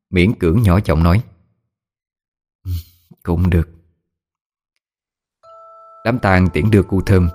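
A man narrating a story in a steady, somber way. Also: sits low. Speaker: audiobook narrator.

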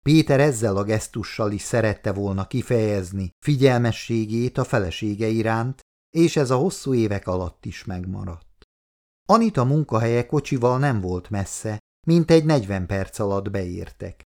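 Calm low-voiced male audiobook narrator. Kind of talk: scripted narration.

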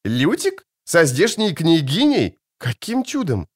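A man reading an audiobook puts on a spirited teenage girl, pitched well above his own voice. She is pert and teasing, with a lively, bouncing voice. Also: slow pace, heavily acted. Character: Ciri, spirited teenage girl, sharp-tongued.

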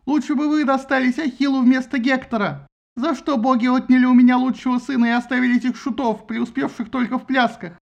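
A man voicing an old grieving king who is grumpy and shouts shrilly. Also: extremely high pitch, fairly even intonation, a little fast, gravelly, dull audio, pitched above the performer's own voice. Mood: shouting.

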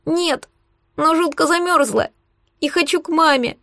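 A scared little girl calling out high and thin, close to tears, as a woman reader puts her on. Her cries are pleading and shrill. The sound is dry and close to the mic. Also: measured pace, vocal fry, fairly bright tone, no room sound, full character voice. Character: small frightened girl, tearful and shrill.

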